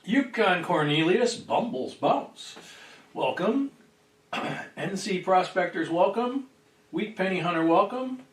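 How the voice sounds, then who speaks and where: A man hosting a casual livestream and greeting viewers, sounding distant from the boom microphone. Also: expressive, slow pace. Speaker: livestream host. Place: indoors at a table. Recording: roomy echo, distant microphone.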